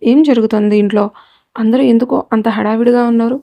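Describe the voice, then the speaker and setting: A woman's voice: on the high side, fairly even intonation, fast, dark tone, no echo, close to an everyday voice. A woman reading the lines of a suspicious, scheming middle-aged aunt in a Telugu audio story. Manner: suspicious, then pleading and scared.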